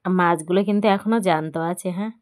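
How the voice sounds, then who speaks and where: A woman's voice: fairly low pitch, quick pace. Woman vlogging casually. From Sundarbans region of West Bengal, India. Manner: simple, repetitive show-and-tell phrasing, often prompting viewers to look. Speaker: home vlogger. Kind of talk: casual chat to viewers while working. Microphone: phone held by someone else.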